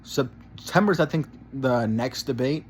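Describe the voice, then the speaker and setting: A man's voice: mid-range voice, a little slow, a little hiss or hum. A man giving a casual reaction commentary, rambling and repeating himself, often ending phrases with "man" and swearing. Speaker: gaming channel commentator.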